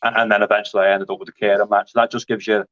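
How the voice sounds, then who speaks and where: A man in his thirties talks through his grappling life in a loose, rambling way, full of fillers and restarts. His voice sits fairly low. The audio is dry and a little dull, like a lo-fi call. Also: level tone, racing, a bit bright, dry recording. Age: 30s. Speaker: grappling competitor. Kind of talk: casual interview chat.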